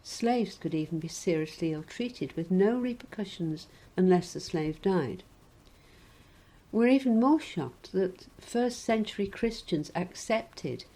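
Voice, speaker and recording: Female preacher, low-ish mellow voice, animated delivery, reflective sermon with dry humor. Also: rough recording. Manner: measured, gently wry reflective preaching.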